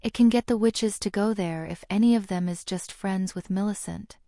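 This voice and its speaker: A woman's voice: medium pitch, normal speed, dark tone, dry recording, studio quality, close to an everyday voice. A woman voicing a haughty young aristocratic schoolboy who speaks in a bored, drawling sneer, as in an audiobook. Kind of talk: audiobook character reading.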